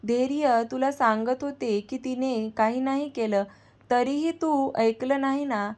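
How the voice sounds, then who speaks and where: A wise, gentle middle-aged aunt who comforts and firmly corrects her nephew, as a woman storyteller plays her. Her slightly high voice stays soft and patient. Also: a little slow. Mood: scolding.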